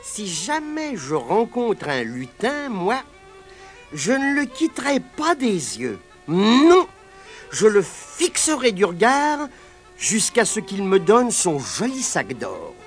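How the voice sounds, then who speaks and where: A woman's voice: mid-range voice, wildly swooping pitch, takes it slowly, faint music behind, pitched above the performer's own voice. A woman voicing a cocky, stubborn young Irish boy who taunts and orders about in a raised voice. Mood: eager. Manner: bossy and taunting, raises his voice.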